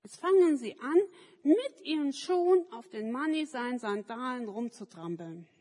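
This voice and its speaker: A woman telling a story to children at a church service, lively and turning to ask them questions. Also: high voice, normal speed. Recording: echoey hall.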